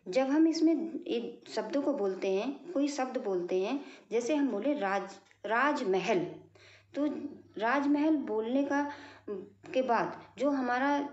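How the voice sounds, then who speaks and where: A woman teacher explaining grammar to pupils, going over each point slowly and again, asking if they follow. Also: a little high, a little mellow. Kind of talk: classroom grammar lesson. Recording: echoey room, dull lo-fi sound.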